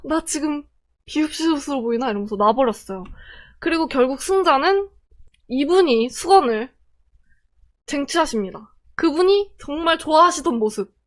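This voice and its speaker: A young Korean woman telling a personal story in a casual, animated way, acting out the quoted voices. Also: high voice.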